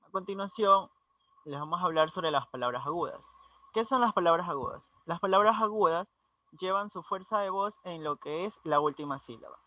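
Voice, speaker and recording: A young male student giving a class presentation, reading his notes haltingly and restarting some words. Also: high-pitched, bright, forceful tone, no room sound. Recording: dull lo-fi audio.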